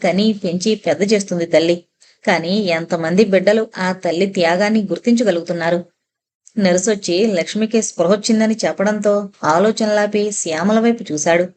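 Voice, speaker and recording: A woman narrator reading a novel aloud in a steady, expressive storytelling manner. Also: medium pitch, slight background noise.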